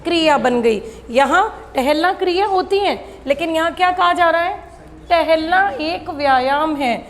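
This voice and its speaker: A woman's voice: very high voice, measured pace, a bit bright, in a large hall. A woman teaching a grammar lesson, asking questions and answering them herself.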